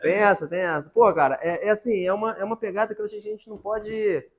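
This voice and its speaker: A Brazilian man giving a casual talk to colleagues on real estate, slangy and animated, telling stories. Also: sits high, quick pace. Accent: Brazilian Portuguese. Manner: animated, slangy, tells anecdotes.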